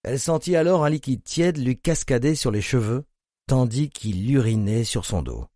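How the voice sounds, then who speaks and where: A male narrator reads a grim novel in a grave, measured manner. His voice is warm and dark with an animated pitch line, recorded dry and close. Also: no room sound. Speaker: audiobook narrator. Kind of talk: scripted narration.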